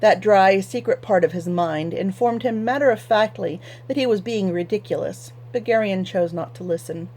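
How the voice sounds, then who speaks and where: A woman reading a fantasy novel aloud for a fan book club in a measured storytelling manner. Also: medium pitch, darkish tone. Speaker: audiobook reader.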